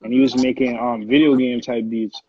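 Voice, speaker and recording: Heard over dull, roomy lo-fi call audio, a twentysomething music producer from Connecticut talks as an interview guest in a casual, slangy, profane way. His American-accented voice is husky and medium-pitched, with a level tone and moderate pace.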